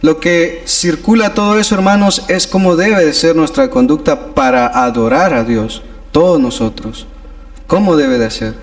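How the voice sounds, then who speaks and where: A man's voice: on the high side, normal speed. A man leading a Sunday Bible study in a church, teaching earnestly and often addressing his listeners as brothers. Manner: earnest, repeats "hermanos" often.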